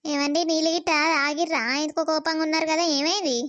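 A woman's voice: sits high, level tone, a bit bright, no room sound, clean studio sound. A woman voicing a scolding village mother-in-law. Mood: lecturing. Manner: rapid, scolding, lecturing. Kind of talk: cartoon voice acting. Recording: slightly dull lo-fi sound.

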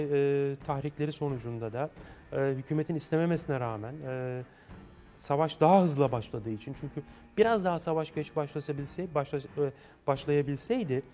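A man's voice: fairly high pitch, mellow. A man explaining history in an interview, hesitant and full of filler sounds. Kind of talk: unscripted explanation.

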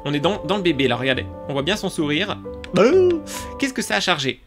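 A man giving excitable let's play commentary, talking to his viewers as he plays, with sudden yelps. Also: fairly quick, music in the background. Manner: excitable, talks to viewers while playing; sudden yelps and jumps in pitch. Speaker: gaming YouTuber.

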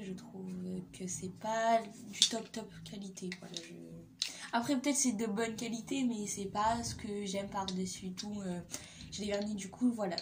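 A woman's voice: mid-range voice, background noise. A young woman casually reviewing nail polish in a vlog, hesitant and full of fillers and repeats. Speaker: beauty vlogger.

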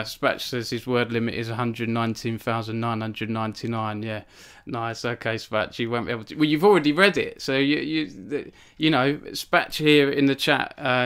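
Young man, live stream host, smooth resonant voice, medium pitch, rambling with fillers. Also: fairly bright tone. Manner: rambling, filler-heavy, self-deprecating. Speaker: author hosting a book launch stream. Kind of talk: casual live stream chat. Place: home log cabin.

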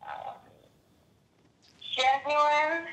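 A middle-aged woman heard over a phone on speakerphone, chatting in an excited, slightly goofy way. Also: high-pitched, drawn-out words. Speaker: interviewee's mother on a phone call. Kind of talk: casual phone chat.

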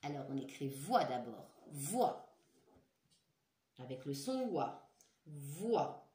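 A woman's voice: deep voice, very animated, slow pace, dark tone. A woman teacher leading a dictation for young children, patient, repeating and stretching each word. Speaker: schoolteacher. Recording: echoey room.

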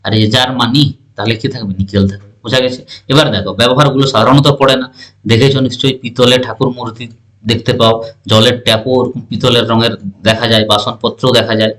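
Man teaching an exam-prep science lesson, middle pitch, keeps asking questions to check understanding. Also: fairly even intonation, fast talker, fairly bright tone.

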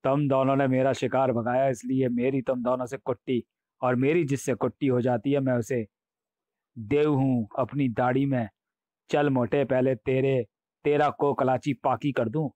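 A man's voice: steady tone, normal speed, warm tone, no room sound, muffled recording, lightly acted. A man voicing a boastful male demon in a comic audiobook, laughing and chanting as he taunts his prey and teases the readers. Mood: menacing. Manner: booming laughs, sing-song chants, teasing asides to readers.

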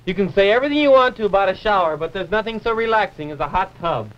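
High-pitched and quick, with lively intonation and a fairly bright tone, a man plays a fretful dragon puppet on live 1950s television. The male dragon is fussy and bossy, sighing and letting out oohs as he orders others around, all heard through dull early-1950s TV sound.

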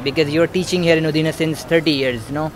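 Young male interviewer, a bit higher-pitched, halting questions. Outdoor square, faint street noise. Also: fairly even intonation. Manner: halting, restarts his questions, brief backchannels. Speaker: podcast interviewer. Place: outdoor cafe table on a town square.

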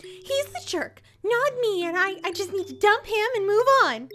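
Very high-voiced, girlish, dramatic Princess Peach. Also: big pitch swings, moderate pace, a bit bright, heavily acted. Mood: softened, grateful. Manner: whiny, emotional, stammering delivery. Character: heartbroken young princess, girlish, dramatic, sweet. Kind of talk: fan audio drama acting. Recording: music behind the voice.

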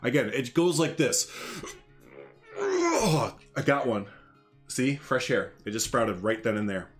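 A man in his thirties from Northern Illinois, with a slight Chicago accent, streams a building game from a small room at home on a headset. He rambles, jokes, and chats casually with viewers, his medium-pitched voice very animated yet slow-paced, with faint music behind.

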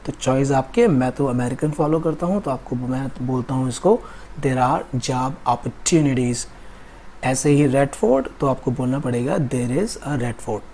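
A man with an Indian accent teaching spoken English, patiently explaining grammar and slowly drilling example sentences. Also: medium pitch, mellow, slight background noise. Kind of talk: Hindi-language English lesson.

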